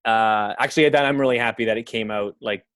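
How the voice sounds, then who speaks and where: Speaking quickly in a mid-range voice with a fairly bright tone, a Canadian filmmaker guest chats casually on a podcast. He rambles, filling his talk with fillers and the occasional curse. The recording is dry and clean, studio quality.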